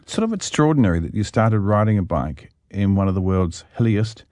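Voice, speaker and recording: A man's voice: lowish voice, very animated, brisk, a little mellow, dry recording, clean studio sound. A man hosting an interview and asking curious follow-up questions. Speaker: interviewer, host. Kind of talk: casual radio interview.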